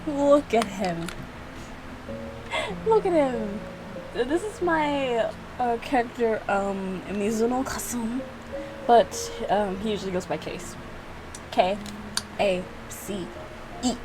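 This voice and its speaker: A woman video creator reacts to her own visual novel with giggly, self-mocking commentary, reading excerpts aloud. Her high-ish voice is animated yet slow, with long pauses. The low-quality recording has music playing behind her.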